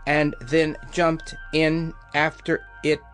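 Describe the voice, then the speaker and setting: A reader voicing a hoarse, creaky clockwork copper man who talks in one flat tone, with slow, even, mechanical delivery. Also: medium pitch, faint music behind. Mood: monotone.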